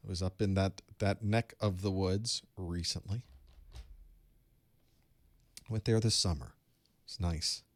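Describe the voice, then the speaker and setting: Speaking from a home studio crowded with electronics, a man leads an online study session live, chatting, instructing and joking lightly with arriving viewers. His low voice is steady and slow, pausing often, and the recording is dry.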